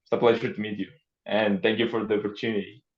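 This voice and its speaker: A man's voice: on the low side, little pitch movement, quick pace. Man in an echoey room. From Venezuela. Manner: earnest, searching for words. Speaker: social venture co-founder. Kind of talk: casual video-call introduction. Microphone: video call. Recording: roomy, dull video-call audio.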